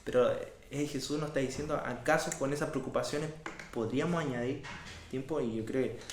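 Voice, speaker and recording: A man's voice: mid-range voice, a little fast, a little hiss or hum. Church guy hosting bible study, encouraging, lots of ehs, echoey room. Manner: warm and encouraging, lots of fillers, reacts with wows.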